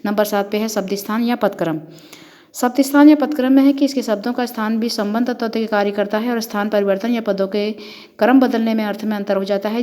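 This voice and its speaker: A woman professor delivers a methodical lecture, moving through numbered points and lists of example words. Her voice sits at a middle pitch for a woman. The sound carries a long reverb, as if recorded in a large hall. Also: warm tone. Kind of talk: academic lecture.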